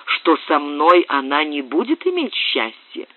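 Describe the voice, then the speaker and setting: Male narrator voicing a cold, imperious marquis in an audiobook; slightly high, tinny and dry. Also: huge pitch swings, measured pace, dry recording, heavily acted. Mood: stern. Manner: cold and stern. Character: cold, commanding aristocratic marquis, middle-aged man.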